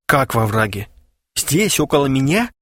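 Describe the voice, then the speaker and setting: A man's voice: medium pitch, very animated, unhurried, a bit bright, no room sound. A man voicing a frightened, tearful middle-aged man who stammers and squeals in panic, in an audiobook. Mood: panicky. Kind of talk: audiobook character voice.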